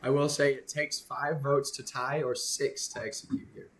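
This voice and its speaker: A man's voice: mid-range voice, little pitch movement, normal speed, fairly bright tone. A man acting as game storyteller, announcing votes and nominations to the players. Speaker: storyteller running a social deduction game.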